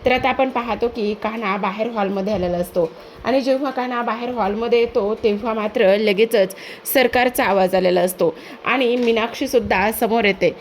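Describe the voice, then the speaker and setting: A woman narrating a recap of a TV serial episode in a steady, repetitive storytelling manner. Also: fairly high pitch, normal speed, slight background noise.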